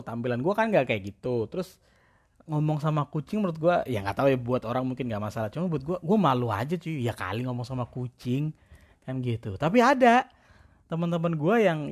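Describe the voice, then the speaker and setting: A young man with chatting casually in a self-deprecating monologue. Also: mid-range voice. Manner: chatty, slangy, self-deprecating, mimics cat-talk voices.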